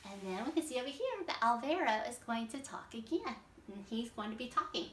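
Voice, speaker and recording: Kindergarten teacher lady explaining a story slow and patient, kinda high voice, echoey room. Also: fairly bright tone. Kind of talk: read-aloud lesson for young children. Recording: echoey room, mic at a distance.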